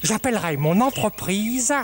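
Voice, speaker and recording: A man's voice: high voice, animated, normal speed. A man voicing a cheerful, clumsy dinosaur creature in a 1970s children's TV show, talking in a bouncy, childlike way. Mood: eager. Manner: bouncy, childlike, eager to help.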